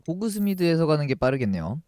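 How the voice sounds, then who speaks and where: A man's voice: fairly high pitch, sing-song, racing, dark tone, no room sound, studio quality. A man giving casual game commentary as a streamer, muttering his reactions as he plays. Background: game music.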